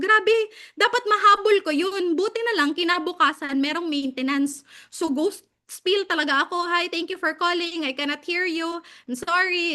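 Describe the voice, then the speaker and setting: A young woman with a Filipino accent tells a story in a very high, bright voice. She is animated, laughs easily and moves between Tagalog and English. Her manner is casual and lively. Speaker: guest speaker.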